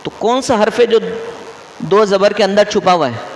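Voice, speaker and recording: High gravelly man teaching in echoey mosque. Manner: quizzes listeners, repeats each rule. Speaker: mufti teaching Quran recitation rules. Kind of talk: classroom lesson. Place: mosque hall. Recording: echoey hall with long reverb.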